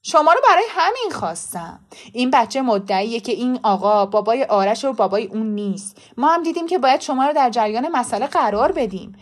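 A woman reading a story aloud, voicing a male school principal who speaks in a formal, measured and apologetic way. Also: on the high side, expressive.

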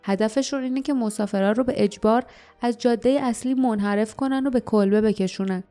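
A woman's voice: on the high side, dark tone, faint music behind, lightly acted. A woman voicing an earnest, worried young male hero in a storybook reading, reasoning urgently.

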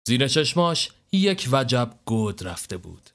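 A man reading a scripted story in a steady, even narrating voice. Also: mid-range voice, vocal fry.

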